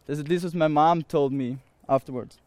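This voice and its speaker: A nineteen-year-old Austrian man with an Austrian German accent gives an earnest personal testimony to an audience, his English halting and full of pauses and restarts. His voice is on the high side and a little mellow, with no room sound.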